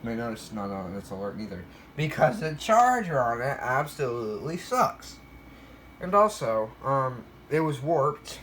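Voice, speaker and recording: Showing items from his collection of weather radios, this man talks off the cuff with a very animated, fairly bright mid-range voice at a moderate pace. He pokes a little fun at himself along the way. There's a little hiss or hum on the recording.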